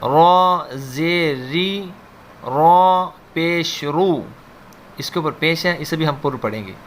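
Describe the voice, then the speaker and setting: A man's voice: a little high, animated, slight background noise. Man reciting Arabic letter drills. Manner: slow drilled syllable recitation with short explanations. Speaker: Quran reading teacher. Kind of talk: children's Quran reading lesson.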